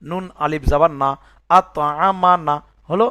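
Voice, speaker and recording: Unhurried and steady, a man with a sharp, smooth voice on the high side teaches Quran reading by spelling words out letter by letter and vowel mark by vowel mark. He pauses to ask "বুঝে আসছে?" so the student keeps up. The recording is dry.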